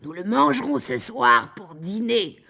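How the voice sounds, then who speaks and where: A woman voicing a wicked old ogress in a children's story, with a hoarse, cracked voice that calls out long and loud. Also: sits low, sing-song, measured pace, pitched below the performer's own voice, full character voice. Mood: bossy. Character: wicked old female forest ogress, grasping. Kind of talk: storybook character voice.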